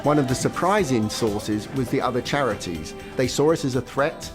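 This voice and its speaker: A man in an interview, explaining past events in a measured way. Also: mid-range voice, lively intonation, music in the background. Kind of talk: interview recollection.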